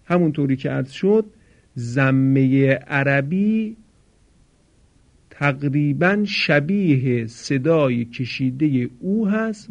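Guy teaching pronunciation on a muffled old recording, slow careful example words for you to repeat. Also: medium pitch, creaky. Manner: slow, loud, drawn-out model words for repetition; formal, measured explanation. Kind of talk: recorded pronunciation lesson for listeners.

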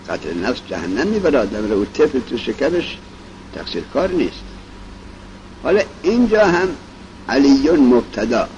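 A man gives a casual classroom lecture on Arabic grammar. His pitch rises and falls a lot as he explains and slowly recites example sentences. The recording is dull and lo-fi, with faint traffic noise behind him. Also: a little mellow.

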